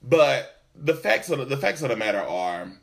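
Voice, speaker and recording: A man in casual chat, a sassy storyteller whose pitch and loudness jump around as he talks. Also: very animated, moderate pace, vocal fry.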